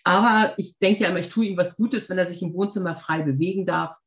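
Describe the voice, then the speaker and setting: A woman chatting casually, telling lively anecdotes with many fillers and asides. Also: on the low side, fast talker, reverberant, muffled recording. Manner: chatty, animated storytelling, frequent fillers. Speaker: podcast guest, dog owner. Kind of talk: casual conversation.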